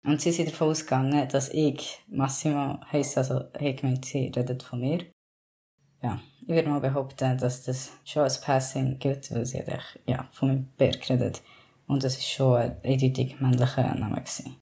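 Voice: mid-range voice, little pitch movement, moderate pace, creaky, dark tone. A young adult non-binary vlogger, talking candidly in a rambling personal vlog with many fillers. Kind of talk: casual personal vlog monologue.

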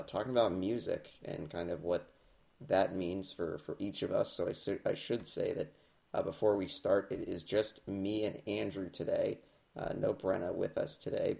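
A male podcast host with a very deep, heavily gravelly voice. His tone is dark and mellow, and he speaks in a relaxed, halting way with lots of "uh" and "um" fillers. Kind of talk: casual podcast chat.

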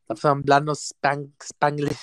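A man with a Mexican accent chatting casually as a podcast guest in halting Spanglish, often repeating words as he searches for the next one. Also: a little high, monotone, fairly bright tone, no echo, studio quality. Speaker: podcast guest, boxer and musician. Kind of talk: casual bilingual podcast chat.

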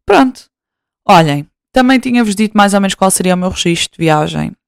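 A young woman from Portugal with a European Portuguese accent, chatting alone on her podcast in an animated, self-mocking way. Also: medium pitch, fairly quick, creaky, smooth, no room sound, studio quality. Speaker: podcast host. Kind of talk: casual solo chat.

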